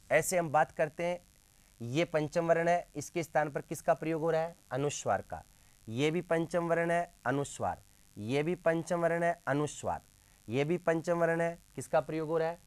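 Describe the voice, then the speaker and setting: A male teacher runs a grammar class, constantly testing his students and patiently repeating sounds at a slow pace. His pitch is fairly high, and the recording is dry.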